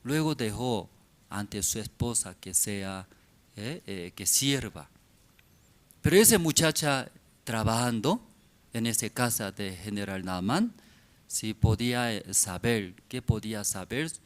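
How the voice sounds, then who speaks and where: Slow, questioning male pastor. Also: fairly low pitch, lively intonation. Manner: keeps asking the congregation rhetorical questions; halting, simplified phrasing with many pauses and fillers. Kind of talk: sermon. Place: church service.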